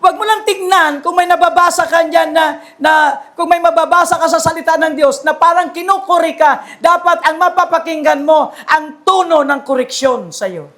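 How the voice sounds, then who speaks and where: A woman's voice: very high-pitched, normal speed, hardly any pauses, a bit bright. A woman with a Filipino accent preaching a sermon, switching between Tagalog and English and rising to emphatic calls.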